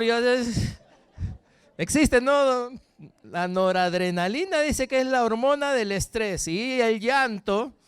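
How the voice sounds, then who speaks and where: Animated Peruvian pastor, smooth dry voice. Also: male voice, high-pitched, dry recording. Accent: Peruvian Spanish. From Peru. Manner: animated, jokey, frequent tag questions to the congregation. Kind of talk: sermon.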